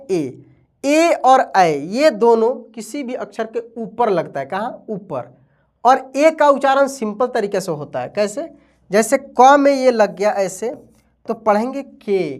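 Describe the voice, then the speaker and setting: A man teaching vowel signs, who keeps asking and answering his own questions. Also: extremely high pitch. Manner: asks and answers his own questions, calls listeners "my friend". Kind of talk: explaining Hindi letters at a board.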